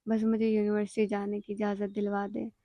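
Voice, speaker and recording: A woman voicing a stubborn, tearful young daughter who pleads softly. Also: medium pitch, monotone, no room sound, lightly acted. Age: young adult.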